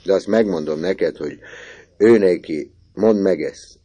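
A man voicing a gruff, bossy older gentleman in an audiobook, scolding and booming. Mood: stern. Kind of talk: audiobook character reading.

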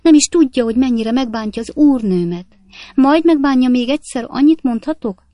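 A woman voicing a flustered, excitable young lady's maid who fusses and scolds in a shrill voice. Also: no echo. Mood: fussing. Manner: shrill, fussing, reproachful.

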